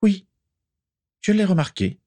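A man reading aloud and voicing a calm, wry, guarded middle-aged witch, raising his voice to sound like a woman, in a storybook reading. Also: high voice, a little slow, no room sound, pitched above the performer's own voice, full character voice. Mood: dry, guarded. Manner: dry, guarded.

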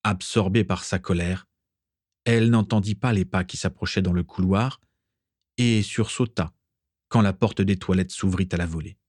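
A man narrating a story in an expressive, dramatic reading style. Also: deep voice, moderate pace, no room sound, studio quality. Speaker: audiobook narrator.

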